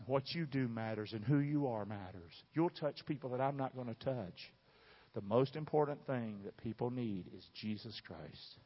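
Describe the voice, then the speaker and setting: A man with a husky, medium-pitched voice and moderate pace preaches a sermon, his Southern American accent marking him as from the southern United States. He is emphatic and folksy, asking his congregation questions, in a large church room with dull, reverberant acoustics.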